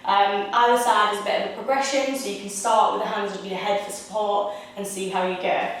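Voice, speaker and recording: A young woman leading a Pilates workout, giving steady, encouraging step-by-step cues. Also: medium pitch, a little fast, distant mic. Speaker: Pilates instructor. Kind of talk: guided exercise instruction. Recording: echoey room, voice picked up from afar.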